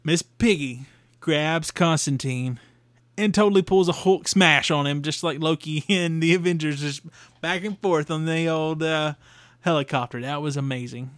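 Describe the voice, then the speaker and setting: Brief: young man, solo podcast host, loose and rambling, slightly high, smooth voice. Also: moderate pace, a bit bright, no echo. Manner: rambling, with fillers and restarts. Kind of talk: casual solo podcast review.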